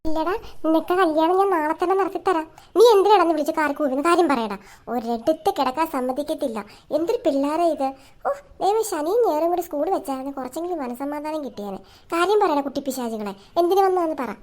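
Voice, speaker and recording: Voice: high voice, quick pace, close to an everyday voice. A child playing a nagging, irritable mother. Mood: scolding. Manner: sharp, nagging, complaining tirades. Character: irritable middle-aged mother, always scolding. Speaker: comedy sketch actor. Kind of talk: family comedy skit.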